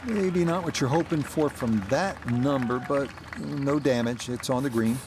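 A man playing a measured, encouraging television golf commentator in a sports video game. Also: medium pitch, a crowd in the background, background noise, close to an everyday voice.

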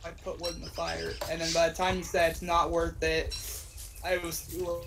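A young adult woman chatting casually while playing a co-op game, excitable one moment and apologetic the next. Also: fairly low pitch, over music, poor audio. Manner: excitable and apologetic, quick bursts. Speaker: co-op game player. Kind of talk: casual gaming chat.

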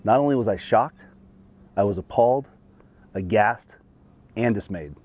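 A man's voice: on the low side, a little slow, a little mellow. A middle-aged man, telling short jokes outdoors. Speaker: dad-joke teller. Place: outdoors on a lakeside dock.

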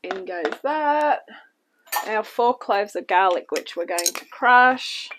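A woman's voice: mid-range voice, lively intonation, slow pace, a bit bright, slight background noise, rough recording. A woman hosting a home cooking show, talking viewers through a recipe step by step in a chatty, reassuring way, still a little weak from illness and coughing now and then, recorded at a kitchen table. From New Zealand. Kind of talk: casual cooking demonstration.

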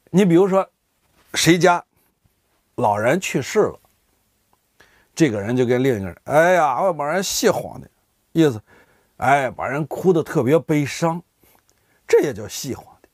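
In clean, studio-quality sound with no room tone, a man with a slightly high voice casually teaches viewers local words. He gets animated, slipping into the voices of everyday speakers for his examples.

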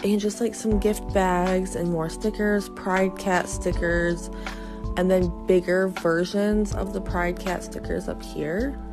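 Loud background music plays under a thirties-aged woman's casual, filler-heavy narration as she shows viewers around a small cat cafe shop for her small business vlog. Her stuffy-nosed voice is fairly low, steady, and slow, with an upbeat, easygoing, chatty feel.

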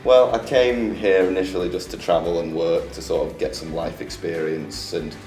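A young man, chatting in a relaxed, upbeat way as an interviewee in a small office. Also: low voice, normal speed. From England. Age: 20s. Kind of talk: casual interview chat. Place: small office studio, indoors. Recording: echoey room with light music.

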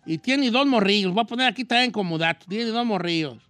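A man's voice: high voice, animated, a little fast, fairly bright tone, faint music behind. A man with a Mexican accent hosting a comic radio show, wailing theatrically and joking with his co-hosts. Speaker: radio host.

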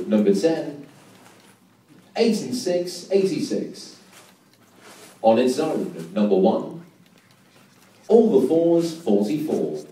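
Young guy calling bingo, slow and sing-song, voice swinging up and down, really echoey hall pa. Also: medium pitch, mellow. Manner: sing-song number calls repeated in set patterns. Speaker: bingo caller, show host. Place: large bingo hall, indoors. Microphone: handheld mic over hall speakers, filmed from nearby. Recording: echoey hall PA, far from the mic.

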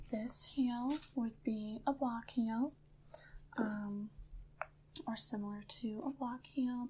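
A friendly female shoe store clerk speaks in a hushed, gentle whispered role-play, as a woman puts her on. Her tone is mellow and slightly high, and she takes her time. Faint room ambience sits underneath. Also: a little hiss or hum. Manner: soft, gentle and attentive, with quiet laughs.

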